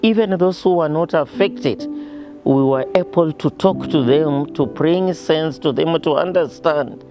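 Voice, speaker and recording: Slow, deliberate nun over guitar. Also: female voice, sits low. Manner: measured and deliberate. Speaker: religious sister, association leader. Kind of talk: documentary interview.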